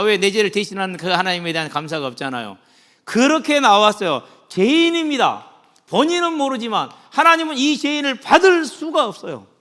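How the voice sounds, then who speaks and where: Animated male preacher in a reverberant church. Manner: animated preaching, swinging from soft and low to loud and high. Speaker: pastor. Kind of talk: sermon. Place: church sanctuary. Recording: long hall reverb.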